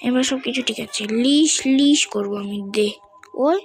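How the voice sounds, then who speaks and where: A woman's voice: high voice, normal speed, soft background music, low-quality recording. A woman giving casual gameplay commentary, thinking aloud and chatting to the game characters. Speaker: gamer.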